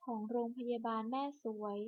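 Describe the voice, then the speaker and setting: A woman reading a scripted hospital clinic announcement over a public address system, in a measured, list-by-list delivery. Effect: broadcast over a hospital public address system. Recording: muffled lo-fi loudspeaker broadcast.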